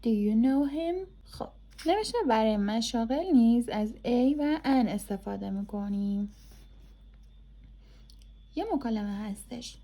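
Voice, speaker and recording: A woman teaches English grammar in a relaxed, casual way. Her voice sits a little high and is very bright and sharp. She slows right down on each English example sentence, then hurries through her explanations.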